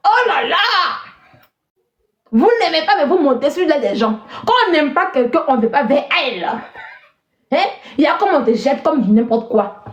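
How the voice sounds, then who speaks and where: A woman hosts a live stream and scolds her callers with open scorn, repeating her jabs. Her voice sits high and swings a lot. The sound is roomy and a little dull. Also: sing-song, normal speed. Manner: mocking, scornful, repeats herself. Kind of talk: insulting live-stream chat.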